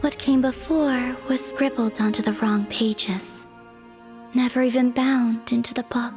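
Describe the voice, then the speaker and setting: In English video game voice acting, a woman voices a young moon goddess who is solemn, melancholy, enigmatic, and detached. Her high voice is soft, breathy, and whispery, with slow, measured, poetic delivery. Game music plays behind her.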